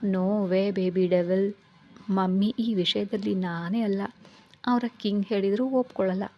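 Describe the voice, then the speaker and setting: A woman's voice: medium pitch, fairly even intonation, measured pace, highs cut off, close to an everyday voice. A woman doing a teasing young brother. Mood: bossy. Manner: playful, teasing, bossy. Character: teasing young man, protective twin brother. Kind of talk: storybook reading.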